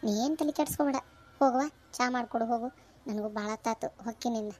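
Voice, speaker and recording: A woman's voice: fairly high pitch, fast, a little mellow, natural voice. A woman voicing an earnest, grateful village woman with a North Karnataka accent, speaking with heartfelt emphasis in a cartoon. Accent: North Karnataka Kannada. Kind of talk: cartoon voice acting.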